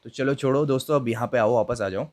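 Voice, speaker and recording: A man's voice: mid-range voice, fast talker, a little mellow. Young man casually telling a ghost story. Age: young adult. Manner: chatty, addresses viewers, frequent filler checks. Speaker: YouTube storyteller. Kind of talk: casual first-person ghost story narration.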